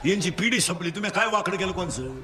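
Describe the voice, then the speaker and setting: A Marathi-accented man delivering a comic kirtan sermon in a very high voice. He works the crowd in quick call-and-response and scolds the schoolboys with playful mockery. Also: animated. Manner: rapid call-and-response, drilling the crowd to answer. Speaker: kirtan preacher.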